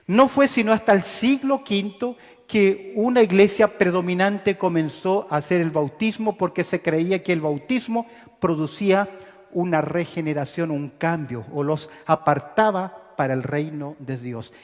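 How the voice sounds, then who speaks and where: High-voiced male preacher in echoing church. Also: measured pace. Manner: rhetorical questions the congregation is meant to answer; emphatic, teaching preacher. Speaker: pastor. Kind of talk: sermon. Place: church sanctuary with baptistery. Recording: reverberant church hall.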